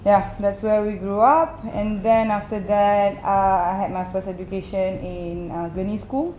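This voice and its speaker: A woman in her thirties from Malaysia, chatting casually in an interview and telling a story with lively quoted voices. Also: medium pitch, unhurried, reverberant, muffled recording, slight background noise. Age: 30s. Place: indoor lounge on a sofa.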